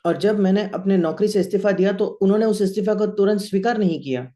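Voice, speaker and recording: Male sermon interpreter, high-pitched, mellow tone, steady line-by-line delivery. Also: quick pace.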